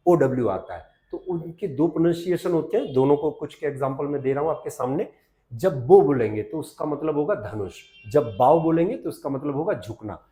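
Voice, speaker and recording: A man teaching English pronunciation in Hindi, drawing out each model word slowly and then asking the class to repeat it. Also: a little high, mellow. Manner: slow, drawn-out model words with quick repeat questions. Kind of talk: Hindi-language pronunciation lesson.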